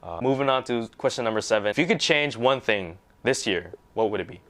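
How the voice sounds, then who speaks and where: A man's voice: fairly low pitch, animated, a little fast, fairly bright tone. A young man in a casual vlog, rambling through questions and school stories and tagging his sentences with "right?". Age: young adult. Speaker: vlogger.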